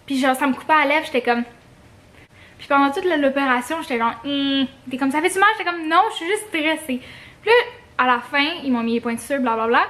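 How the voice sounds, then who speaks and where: Young quebec girl vlogging, high voice, super casual n slangy, swears, throws in english words. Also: fast talker, pushed and bright. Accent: Quebec French. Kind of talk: casual chat to camera, personal story.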